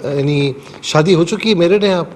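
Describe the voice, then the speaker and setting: A man in the studio putting brisk clarifying questions to callers. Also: a little high, darkish tone, a little hiss or hum.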